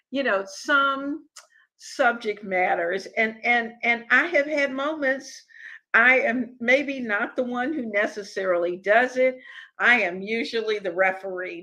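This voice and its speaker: A woman's voice: a little high, bright, forceful tone, rough recording. A middle-aged woman hosting a home cooking live stream, chatting with viewers in a rambling, friendly way with many restarts. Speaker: cooking channel host.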